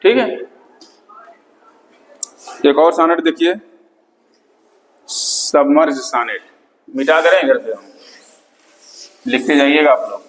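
Lecturer in a reverberant classroom. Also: male voice, on the high side, expressive, unhurried, pauses often, a little hiss or hum. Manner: repeats key terms, frequent "theek hai" checks. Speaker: English literature lecturer. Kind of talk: classroom lecture mixing Hindi and English. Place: classroom with board.

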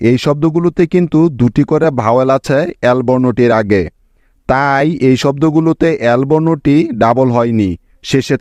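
A man's voice: medium pitch, a little mellow, dry recording, lo-fi sound. A man teaching English spelling rules in a scripted lesson, explaining step by step and often stopping to ask whether the listener has understood. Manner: explains slowly and asks frequent check-in questions.

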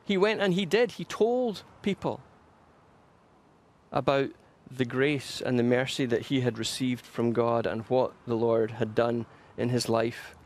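A man's voice: medium pitch, measured pace, a little mellow. A male pastor preaching a sermon, earnest and emphatic, building momentum through repeated phrases. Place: church.

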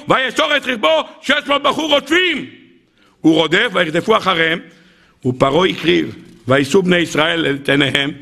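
A man's voice: a little high, creaky, bright, forceful tone. A man, a rabbi giving a weekly Torah portion sermon to a live audience, telling stories, acting out the characters and firing rhetorical questions at the listeners. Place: live talk before an audience.

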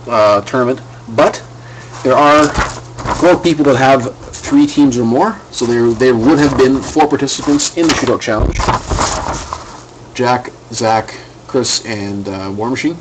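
A man's voice: mid-range voice, a little slow, noisy background. A man hosting a live card break at his home desk, talking casually and rambling with fillers and restarts.

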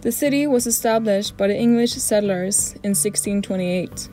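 A woman's voice: mid-range voice, normal speed, dark tone. A young woman chatting cheerfully on a sailboat, asking short questions and reading short travel facts. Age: young adult. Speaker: sailing vlogger. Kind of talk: casual travel vlog chat and read narration. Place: outdoors on a sailboat. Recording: music playing under the voice. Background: clear music.

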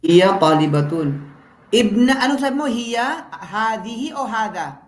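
A fairly high-voiced woman from the Philippines gives a home lesson to her children. She quizzes them patiently and stretches out each word as she drills it. The room around her is echoey. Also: lively intonation, measured pace. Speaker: parent teaching her children.

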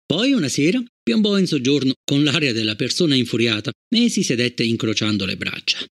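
Un uomo che legge un audiolibro di racconti e dà voce a tutti i personaggi. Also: male voice, medium pitch, big pitch swings, a little fast, a bit bright. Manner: acts out every character. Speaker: audiobook narrator. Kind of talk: expressive audiobook reading.

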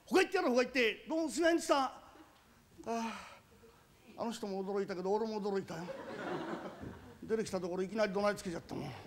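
A man playing a naive young master turned peddler with an Edo Tokyo accent, muttering to himself and stammering through long drawn-out vendor cries. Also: sits high. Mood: rehearsing. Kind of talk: rakugo storytelling.

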